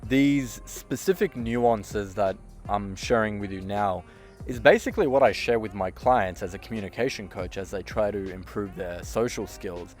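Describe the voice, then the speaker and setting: A low-voiced man delivering a motivational monologue as a communication coach. He talks with deliberate emphasis, ending each sentence on a flat, downward note, and he swings from punchy, loud phrases down to quiet, hushed ones. Faint music plays softly behind him. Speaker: communication coach and podcast host. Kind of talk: direct-to-camera motivational monologue.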